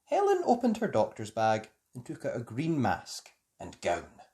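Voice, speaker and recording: A storyteller with a mid-range voice reads a children's picture book aloud for young listeners, expressive and deliberate in delivery.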